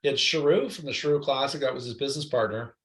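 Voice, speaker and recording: Animated storytelling man in a roomy room. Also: mid-range voice, fast. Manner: lively, animated anecdotes with quoted voices. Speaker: guest. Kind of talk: storytelling interview chat. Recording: roomy echo.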